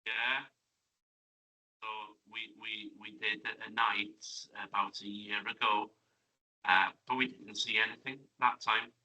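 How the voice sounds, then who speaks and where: A man's voice: lowish voice, little pitch movement, unhurried, sharp tone, dull audio. A man, chatting as an interview guest and asking friendly tag questions. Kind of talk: casual interview chat. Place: classroom radio studio.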